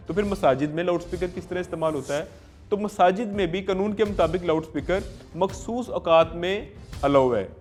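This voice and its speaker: Speaking as a legal host, a man with a Pakistani accent presents an explainer to viewers. His fairly high-pitched delivery is formal and emphatic, with rhetorical turns.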